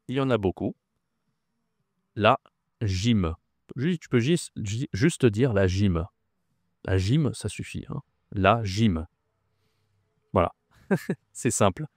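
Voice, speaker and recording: A man's voice: on the low side, very animated, slow, pauses often, darkish tone, dry recording, clean studio sound. A man teaching French vocabulary. He is patient, repeats each word and often checks that the listener follows. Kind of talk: slow, clear vocabulary lesson.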